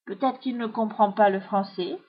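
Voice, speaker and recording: A woman's voice: medium pitch, normal speed, husky, natural voice. A woman voicing a small, friendly, curious female mouse in a storybook reading, on a dull lo-fi recording. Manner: chirpy, eager questions.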